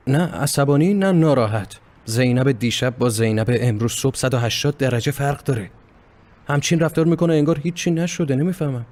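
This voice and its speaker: A man's voice: mid-range voice, darkish tone, lightly acted. A man dubbing a puzzled, anxious young husband in a Persian dub of a Turkish drama. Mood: worried.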